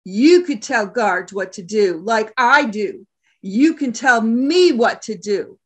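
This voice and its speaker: A woman's voice: a little high, animated, slow pace, slightly rough, heavily acted. A woman playing a bullying convict leader, man. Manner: bullying, barking orders. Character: brutal male convict tribe leader.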